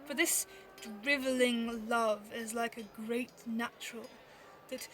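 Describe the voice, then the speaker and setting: A woman with a fairly high voice plays a young Mercutio who is witty, bawdy and teasing, in a theatrical Shakespeare audio drama recorded on a phone at home. She speaks slowly with fairly even intonation, swooping between loud flourishes and mutters, over soft background music.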